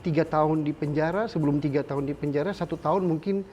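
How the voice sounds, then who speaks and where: A man's voice: on the high side, quick pace, darkish tone, highs cut off, a little hiss or hum. A man interviewing a guest, asking probing follow-ups with brief affirmations in between. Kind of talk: interview questions.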